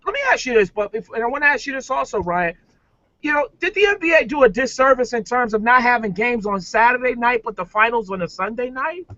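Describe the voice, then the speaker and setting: High-voiced man hosting a sports debate. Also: quick pace, no room sound, dull audio. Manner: animated, pushes his point. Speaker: sports show host.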